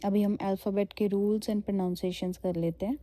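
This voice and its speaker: A woman's voice: mid-range voice, flat delivery, brisk, mellow. A woman teaching a beginner language lesson online. She explains patiently, spells words out letter by letter, and checks in with "okay?" between points. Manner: explains patiently, mixing Hindi and English, frequent "okay?". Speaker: French teacher.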